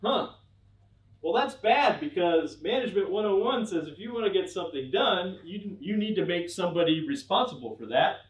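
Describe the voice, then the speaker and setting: Middle-aged male speaker, a bit high-pitched, wry and joking, recorded from a distance in an echoey room. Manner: wry, acts out mock dialogues. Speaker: conference speaker. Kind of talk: humorous technical talk. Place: event room with an audience.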